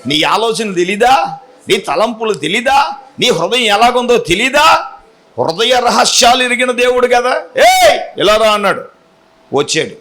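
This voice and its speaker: A male pastor preaching a sermon, telling the story with acted-out dialogue and calling on the congregation to answer back loudly. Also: very high voice, animated, unhurried. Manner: call-and-response, urging the congregation to answer loudly.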